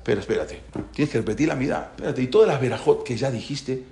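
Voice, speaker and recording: A man teaching a religious class, talking in an animated way and asking rhetorical questions. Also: mid-range voice, fast, creaky. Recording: roomy echo.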